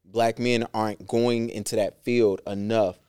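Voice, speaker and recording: Casting: easygoing male podcast co-host, smooth resonant tone, close dry mic. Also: fairly low pitch, steady tone, normal speed, dry recording. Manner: laid-back slang, frequent "um" and shout-outs. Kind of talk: casual podcast chat.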